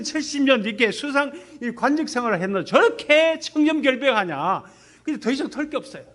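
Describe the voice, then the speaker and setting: A man in his fifties, a missionary pastor, gives an animated testimony sermon in a church service and puts questions to the congregation. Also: high voice. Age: 50s.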